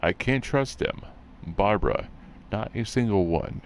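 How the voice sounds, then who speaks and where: A man reading game text aloud in a put-on flat robot voice. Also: fairly low pitch, slight background noise. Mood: robotic. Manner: deliberate, monotone robotic reading.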